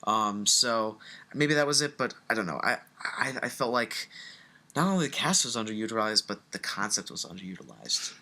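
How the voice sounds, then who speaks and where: Young guy reviewing a horror flick, bright voice, lots of ums and false starts. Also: lowish voice, animated, moderate pace, creaky. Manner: hesitant, many ums and restarts. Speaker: co-host of a horror movie review show. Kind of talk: casual review chat.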